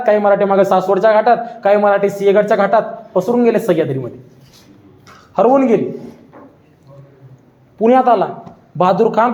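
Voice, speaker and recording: High-voiced dramatic male storyteller. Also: darkish tone, dull audio. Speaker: public speaker. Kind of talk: storytelling history lecture. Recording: echoey hall.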